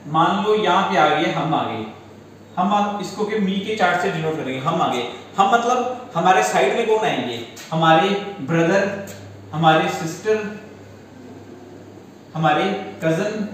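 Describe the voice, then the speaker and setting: A man's voice: sits high, slight background noise. A male teacher with Indian-accented English terms, explaining an exam-prep lesson step by step and checking in with his students. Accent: Indian English words mixed into Hindi. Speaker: reasoning teacher. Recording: very echoey room, mic at a distance.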